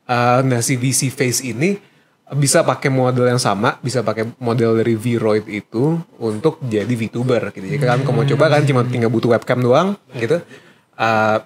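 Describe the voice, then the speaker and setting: Young male creator, laid-back explainer, mid-pitched, faint background hiss. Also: normal speed. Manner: relaxed, explanatory, with many fillers. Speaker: animation creator and voice actor. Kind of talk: casual Q&A chat.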